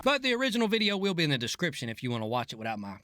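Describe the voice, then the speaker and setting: Over music, a middle-aged man who used to work on oil rigs hosts a reaction video, talking fast in a high-leaning voice with huge swings in pitch. His commentary is casual and unscripted, full of folksy slang and profanity.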